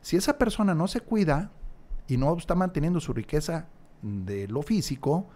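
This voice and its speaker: A man's voice: on the high side, lively intonation, normal speed, darkish tone. A man, a podcast guest who talks at length, acts out little dialogues and repeats key phrases for emphasis, recorded on a studio mic in a small room. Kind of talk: casual conversational interview. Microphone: large studio mic on a stand, headphones.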